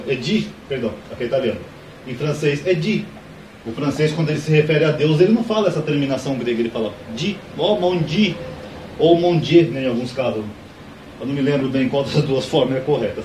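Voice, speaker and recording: A theology YouTuber explains things in a casual, conversational way on his channel, asking rhetorical questions and correcting himself mid-sentence. His voice is fairly high and a little mellow, recorded with a distant mic in an echoey room with faint hiss.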